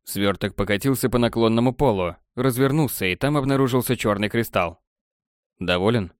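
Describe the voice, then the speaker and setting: A man narrating an audiobook in an even storytelling manner. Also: medium pitch, a little fast, smooth, dry recording, clean studio sound. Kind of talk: scripted narration.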